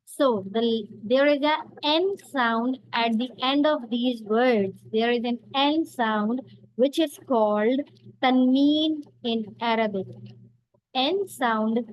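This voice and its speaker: A woman teaching a beginner Arabic lesson, explaining slowly and patiently and repeating each word for learners. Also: a little high, rough recording.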